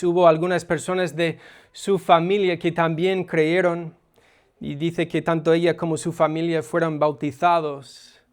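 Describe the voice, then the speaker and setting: A preacher with a high, smooth, resonant voice. He explains his text in a conversational way and often pauses on small hesitations. The delivery is relaxed and teaching rather than forceful. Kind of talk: expository sermon.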